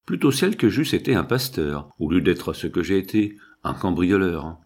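A man narrates a novel in the first person, measured and expressive. His voice sits low and husky, and the melody swings widely as he tells the story. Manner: measured, expressive storytelling, slow at chapter headings. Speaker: audiobook narrator.

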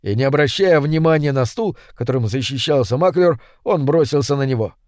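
A man narrating a horror story as an audiobook reading, in steady, measured storytelling. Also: medium pitch, no echo, clean studio sound.

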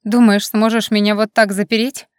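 A wounded young woman who lashes out in sharp, tearful bursts, voiced by the audiobook reader herself, recorded dry and close. Her voice sits mid-range, raw with emotion and bitterness. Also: medium pitch, little pitch movement, normal speed, clear, resonant tone, dry recording, close to an everyday voice. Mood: bitter. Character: hurt, furious young woman, heroine.

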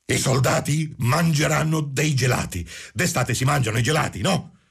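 A man's voice: mid-range voice, wildly swooping pitch, extremely slow, sharp tone, husky, voice pushed up, heavily acted. A man voicing a deranged man who calls himself a Major, wailing in frantic, tormented outbursts. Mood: triumphant.

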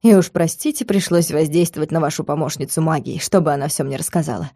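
A woman reading an audiobook, voicing a composed male academy rector who speaks in a measured, formal way. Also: sits low, mellow, no echo, studio quality. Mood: calm, explaining. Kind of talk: audiobook character voice.

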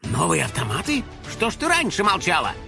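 Мужчина изображает хвастливого домового-сыщика. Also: male voice, high-pitched, huge pitch swings, fairly quick, gravelly, sharp tone, soft background music, voice pushed up, full character voice. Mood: excited. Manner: pompous, theatrical exclamations. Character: boastful excitable house-spirit detective, male.

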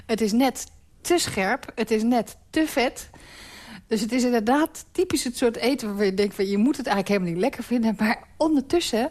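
A woman's voice: on the high side, brisk, darkish tone. A woman in her forties, a radio interview guest talking frankly and with strong opinions. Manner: frank and opinionated, with emphatic dislikes. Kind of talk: relaxed radio interview about food.

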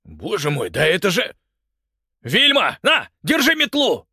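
A man voicing a thin, bearded husband yelling during a domestic fight, in an audiobook. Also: on the high side, huge pitch swings, moderate pace, gravelly, slightly rough, no room sound, studio quality, pitched above the performer's own voice, heavily acted. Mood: startled. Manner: shouting.

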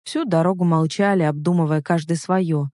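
A woman narrating an audiobook in the first person, telling the story in an expressive way. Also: lowish voice, moderate pace, dry recording, studio quality.

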